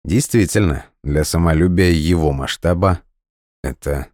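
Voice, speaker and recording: A male narrator reads fiction in a steady, even way. His voice is extremely low. The sound is close and dry. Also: a little slow, no echo. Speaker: audiobook narrator. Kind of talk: scripted narration.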